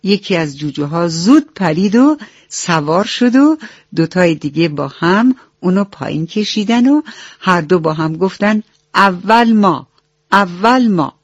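A woman's voice: lowish voice, lively intonation, dry recording. A woman reading a children's bedtime story aloud in an affectionate, storytelling manner. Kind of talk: scripted children's narration. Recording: dull lo-fi radio recording with soft music.

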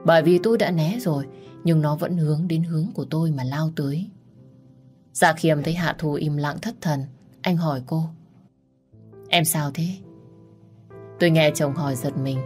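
A woman narrating an audiobook story in a soft, steady, emotive reading. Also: deep voice. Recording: faint music underneath.

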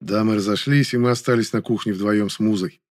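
A man narrating an audiobook in a calm, even storytelling manner. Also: on the low side, brisk.

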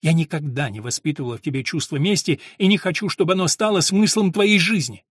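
A man's voice: fairly high pitch, quick pace, breathy edge, dry recording, studio quality, voice pushed up. A man voicing Ellen, a strong but tired mother who speaks with weary irritation and cries out in grief. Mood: pleading. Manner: tired, irritated, breaking into shouts.

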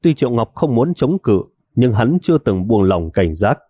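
A man narrating a novel in an even, steady storytelling manner. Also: mid-range voice, moderate pace, no echo, studio quality. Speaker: audiobook narrator.

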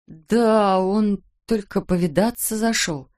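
Tired timid mother, low subdued mumble, as a woman reads her. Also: slow, a little mellow, lightly acted. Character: timid worn-out mother, placating.

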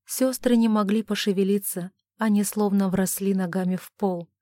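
A woman's voice: medium pitch, steady tone, moderate pace, dark tone, no echo. Woman narrating a novel, dry and close. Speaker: audiobook narrator.

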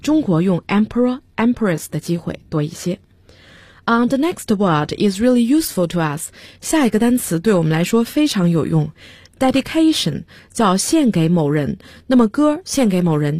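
A woman's voice: medium pitch, a little mellow, slightly rough, no echo. A woman teaching English vocabulary on a radio lesson, spelling words out letter by letter and giving example sentences.

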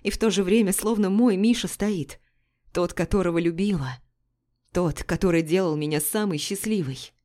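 A woman's voice: lowish voice, moderate pace, warm tone. A woman reading a dramatic novel aloud in the first person, with an intense, emotional delivery. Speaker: audiobook narrator.

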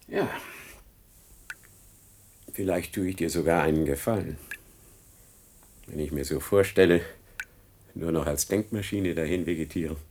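In a German radio play, a male actor with a deep voice plays a cynical murderous scientist, gloating, mocking and taunting. There's a little hiss or hum on the recording.

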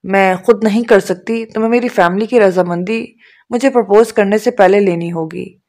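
A woman reading the lines of a serious young woman who speaks softly and gently but firmly. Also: mid-range voice, natural voice. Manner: serious, soft-spoken.

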